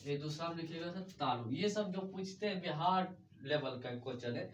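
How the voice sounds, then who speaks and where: A grammar teacher drills his class by asking a question and answering it himself, calling everyone sir. His voice sits a little high. He is recorded from a distance on a muffled mic in an echoey room. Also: expressive, brisk, slight background noise. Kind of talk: grammar lesson with call-and-response drilling.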